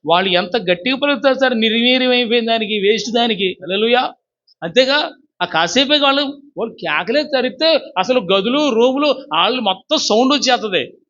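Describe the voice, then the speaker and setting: Male pastor, fervent call-and-response preacher; high, sharp delivery on a muffled lo-fi church recording. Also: expressive, brisk. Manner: fervent, urges congregation to repeat after him. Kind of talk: sermon. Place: church service. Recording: dull lo-fi recording.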